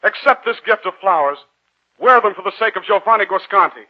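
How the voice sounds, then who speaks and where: Playing a smitten, uneasy young medical student with an earnest, romantic streak, this male actor speaks and narrates dramatically in the first person, 1940s radio style. His voice is high and animated, ardent and smitten yet courteous and measured. The sound is muffled old radio with music.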